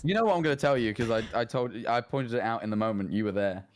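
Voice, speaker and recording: A man's voice: medium pitch, quick pace, a little hiss or hum. A man in casual comedic chat as a co-host, with dry, self-deprecating humour. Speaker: co-host reading listener confessions.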